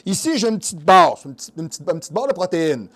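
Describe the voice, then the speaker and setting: Québécois guy hosting a fitness show, high voice for a man, joking and crude, lots of teasing asides. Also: big pitch swings, quick pace, fairly bright tone. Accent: Québécois French. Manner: instructive coaching during exercise demo. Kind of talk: comedic fitness show monologue.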